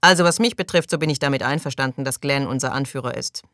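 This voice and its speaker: A man reading an audiobook, voicing an irritable, pompous male colony doctor who speaks loudly and defensively. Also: mid-range voice, fast talker, no echo, studio quality, lightly acted. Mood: indignant. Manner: indignant, loud, defensive.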